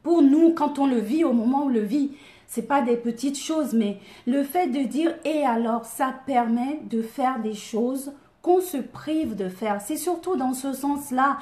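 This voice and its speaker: A woman's voice: high-pitched, measured pace, dark tone, echoey room. A woman with an African French accent hosts a casual live video as a coach, chatting to viewers by name, laughing and poking fun at herself. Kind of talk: casual live stream chat.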